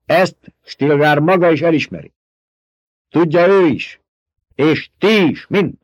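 A young rebel leader who commands a crowd with forceful, challenging questions, as a male audiobook reader voices him. He sits slightly higher and louder than the narration around him. The recording is dry and a little dull. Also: no echo, close to an everyday voice. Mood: commanding. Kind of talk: audiobook character voice.

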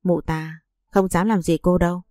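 A woman's voice: lowish voice, fairly even intonation, moderate pace, dark tone, no room sound, studio quality, close to an everyday voice. A woman voicing a doting, playful middle-aged aunt who talks in an affectionate, gossipy way.

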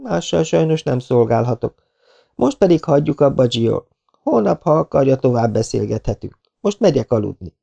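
A man reading an audiobook, voicing a composed young woman with a calm, gently firm and slightly teasing manner. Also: mid-range voice, gravelly, muffled recording, voice pushed up, full character voice. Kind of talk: audiobook character voice.

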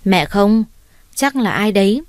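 A woman's voice: mid-range voice, expressive, unhurried, darkish tone, dry recording, lightly acted. An older mother in an audio story, thrown by bad news and stammering as she speaks. A woman reads her in her own voice. The recording is dry and close, with no room sound. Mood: puzzled. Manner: stammering, dismayed. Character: older mother, easily shocked.

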